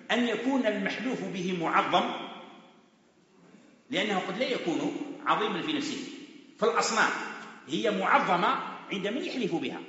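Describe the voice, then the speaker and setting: Male religious teacher, crisp bright tone, explaining step by step, dull lo-fi recording. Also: high-pitched. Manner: patient explaining, repeats points with everyday examples. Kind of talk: Quran commentary lesson. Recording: echoey hall, dull lo-fi sound.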